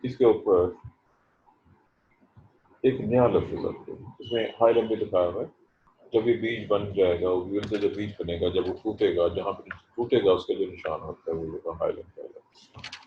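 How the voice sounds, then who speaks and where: A man teaching a botany class online, explaining terms slowly and stressing how to pronounce them. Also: deep voice, steady tone, reverberant, dull audio, a little hiss or hum. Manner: slow, explanatory, stresses pronunciation. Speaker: botany professor. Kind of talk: online lecture.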